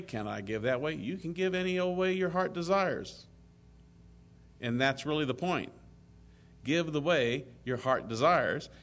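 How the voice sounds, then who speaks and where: A man preaching a sermon to his congregation, rising loud on key phrases and dropping to a soft, hushed tone. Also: mid-range voice. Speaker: pastor.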